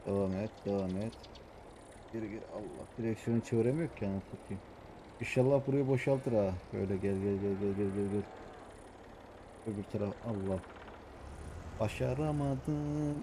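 A man with a Samsun accent, an adult with young kids, giving hushed, muttering commentary over a farming game, as his channel's host. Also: fairly low pitch, brisk, long pauses, background noise. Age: adult with young children. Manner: talks quietly, mutters to himself. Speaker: gaming YouTuber.

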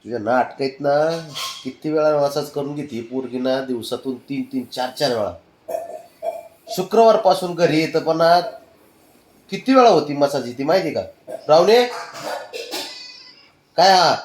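A man's voice: on the high side, expressive, a little slow, long pauses, slight background noise. A man talking to his pet cat in a coaxing, teasing way, laughing often in casual baby talk at home.

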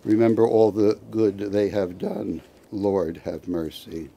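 Low, dark-voiced man leading graveside prayers. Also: fairly even intonation, vocal fry, slight background noise. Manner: measured liturgical recitation. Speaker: priest.

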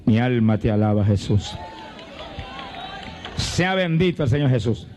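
A man preaching a fervent Pentecostal sermon to a congregation in church, moving from calm Bible teaching to shouted praise. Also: medium pitch, unhurried, faint music behind, some chatter behind. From Puerto Rico. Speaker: evangelist preacher. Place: church service before a congregation.

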